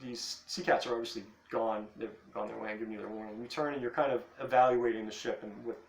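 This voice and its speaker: A man running a tabletop game as dungeon master, narrating in a halting, rambling way. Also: mid-range voice, level tone. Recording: echoey room, faint noise.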